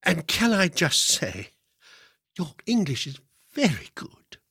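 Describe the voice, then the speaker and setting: A man voicing a polite middle-aged woman tourist from Yorkshire who speaks slowly and overpronounces each word. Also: on the high side, huge pitch swings, bright, forceful tone, husky, no echo, studio quality, pitched above the performer's own voice, full character voice. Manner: slow, overpronounced words.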